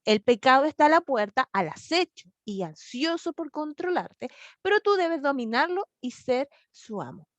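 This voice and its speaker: A young woman with a Chilean accent leads a youth Bible lesson over a video call. Her voice sits high, and the sound is dry and close. She talks in a lively, chatty way, laughs often and acts out little exchanges as she teaches. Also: normal speed, no echo. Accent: Chilean Spanish.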